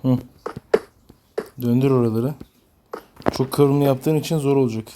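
A man's voice: mid-range voice, fairly even intonation, measured pace, background noise. A man talking casually as a father playing a video game with his child, cooperative and often checking with questions. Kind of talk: casual gameplay chat.

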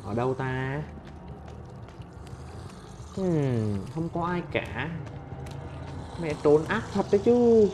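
A man commentating his own gameplay, excitable and talking back at the other players. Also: a little high, takes it slowly, pauses often, background noise. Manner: excitable, talks and swears at on-screen opponents. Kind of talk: let's play commentary. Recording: game music playing under the voice. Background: game music and sound effects.

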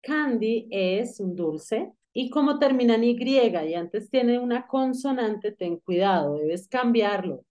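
A woman's voice: fairly high pitch, expressive, slow, few pauses, darkish tone, highs cut off. A woman teaching an English grammar lesson, explaining patiently and asking the student questions as she goes. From Colombia.

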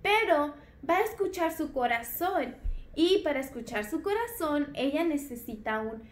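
A woman teaching small children with puppets, speaking clearly and encouragingly. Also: sits high, lively intonation, moderate pace, reverberant. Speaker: preschool teacher.

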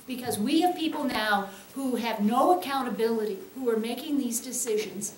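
A woman's voice: a little high, moderate pace, roomy sound, slight background noise. A middle-aged woman, a keynote speaker, answering questions earnestly at a table mic, with frequent ums and uhs. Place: indoor event hall, seated at a table.

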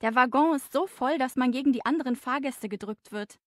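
Higher-voiced woman reading a scripted chat. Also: fairly quick, no echo, studio quality. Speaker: office worker in a dialogue. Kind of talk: scripted dialogue for a language lesson.

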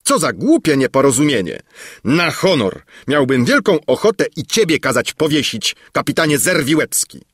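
A man's voice: medium pitch, huge pitch swings, a little slow, fairly bright tone, slightly rough, no room sound, studio quality, voice pushed up, heavily acted. A man voicing an impatient, greedy old king in a storybook reading, fussy and bossy. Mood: fretful.

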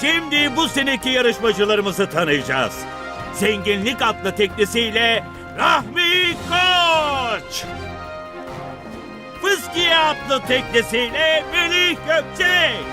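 An actor playing a pompous contest announcer in an animated sitcom. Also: male voice, very high-pitched, music in the background, full character voice. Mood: announcing. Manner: announcing, drawn-out.

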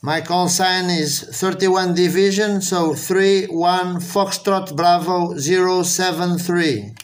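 With background noise around him, a man with a Portuguese accent works a radio contact as an amateur operator, spelling words phonetically in his second language, English. He talks slowly, and his voice is high-pitched and steady.

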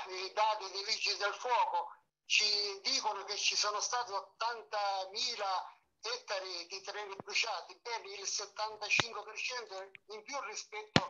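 A man's voice: high-pitched, sharp tone, slight background noise. Man on speakerphone, giving a report. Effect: on speakerphone over a phone line. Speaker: caller to a meeting. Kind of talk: spoken briefing report.

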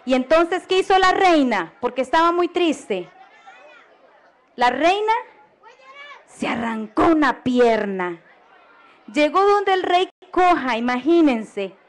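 A Costa Rican woman tells a folk tale to children on a radio program, pausing to ask her listeners questions and get them to join in. Her voice sits high and bright in its register. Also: expressive, a faint crowd. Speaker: storyteller. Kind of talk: oral storytelling for children.

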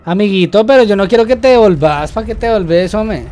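A young man giving let's-play commentary while he plays, excitable, repeating words in quick bursts and yelping when startled. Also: high voice. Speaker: gamer.

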